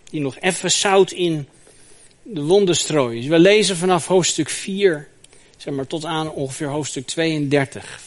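A man preaching a sermon in a lively, emphatic way, asking the congregation rhetorical questions. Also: a little high. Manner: lively and emphatic, with rhetorical questions and a recurring "zeg maar" filler.

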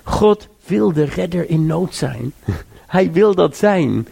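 Man, sermon, raspy, fry-edged, exhorting. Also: expressive, slow pace, warm tone. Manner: earnest exhortation, repeats and rises in pitch to urge listeners. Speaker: preacher.

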